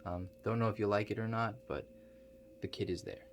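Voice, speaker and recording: Faint noise lies beneath a soft-spoken ASMR roleplay in which a man plays a clumsy inventor running a future-viewing machine. His low voice is natural and steady in tone, matter-of-fact yet hesitant, broken by long pauses and quiet mumbled asides.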